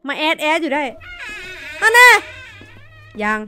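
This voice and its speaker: A young VTuber plays a horror game on stream, chatting as she goes and swearing when something startles her. Her high voice swings widely in pitch and sounds bright and forceful, and she speaks a little slowly.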